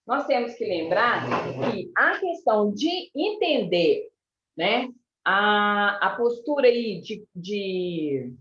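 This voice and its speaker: A woman with a Brazilian Portuguese accent teaching a primary school class, speaking slowly, repeating words and stressing syllables. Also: medium pitch, big pitch swings, fairly bright tone. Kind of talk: recorded class lesson. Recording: echoey room, distant mic, dull sound.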